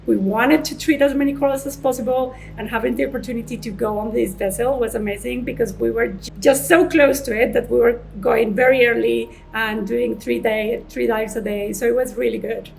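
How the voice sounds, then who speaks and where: A woman explains her research in an unhurried interview style, often restarting her phrases. Her voice sits a little high and has a gravelly edge, with faint noise behind it. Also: fairly even intonation, a little mellow, low-quality recording. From Colombia. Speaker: senior marine scientist. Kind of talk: conversational interview answers.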